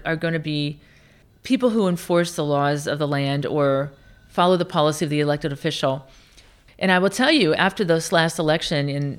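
A woman in her late fifties from Iowa, a senior military officer telling candid stories in an interview, often restarting her sentences. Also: low voice. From Iowa, United States. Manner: candid, anecdotal, speaks in restarting bursts. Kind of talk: conversational interview.

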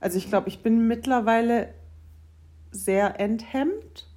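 Eine junge Frau plaudert im Podcast, frech und verspielt mit Zwischenrufen. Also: female voice, fairly high pitch, unhurried, mellow. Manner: cheeky, playful interjections. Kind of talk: casual chat.

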